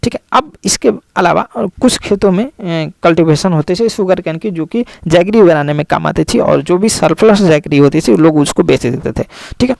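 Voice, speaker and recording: A man's voice: fairly high pitch, moderate pace, vocal fry, a little mellow, no room sound. A man teaching a lesson, explaining step by step and repeating key terms with many fillers. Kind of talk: classroom lecture.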